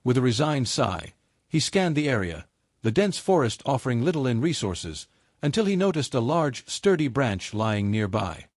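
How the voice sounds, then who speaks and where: Male storyteller, lively intonation, dramatic scripted read, dry close sound. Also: medium pitch, no room sound. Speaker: narrator.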